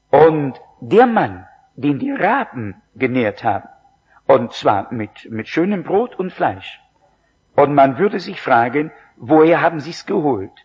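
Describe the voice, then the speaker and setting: Male preacher, husky voice, slow lively delivery, dull lo-fi sermon recording. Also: on the high side. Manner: slow, emphatic preaching with rising exclamations.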